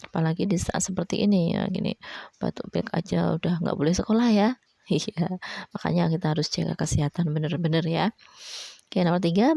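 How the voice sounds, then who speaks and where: A woman's voice: fairly low pitch, gravelly, dark tone, no room sound, lo-fi sound. A woman primary school teacher, patiently explaining a lesson to children and ending her phrases with a friendly "ya". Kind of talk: online class lesson.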